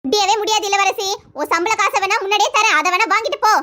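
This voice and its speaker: A haughty rich madam in a cartoon, voiced by a woman, curt and scolding with a Tirunelveli Tamil accent. Her voice is pitched very high. Steady noise sits under the track. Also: quick pace.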